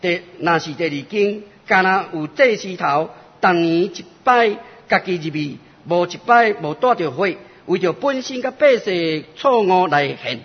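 A man preaching a sermon in short phrases, pausing for interpretation, in a church hall. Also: high voice, lively intonation, slightly rough. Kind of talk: sermon in Taiwanese Hokkien. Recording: lo-fi recording with long hall reverb.

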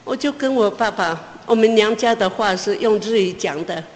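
Woman, mid-pitched voice, emotional testimony, halting restarts, reverberant hall. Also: lively intonation, a little hiss or hum. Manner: pauses and restarts, pitch climbs as she relives the tension. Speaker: mother giving a personal testimony.

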